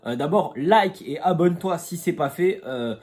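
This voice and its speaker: A man's voice: fairly high pitch, lively intonation, moderate pace, a little mellow. Chatty French guy unboxing figures. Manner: chatty, slangy, jokey asides. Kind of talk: casual unboxing vlog.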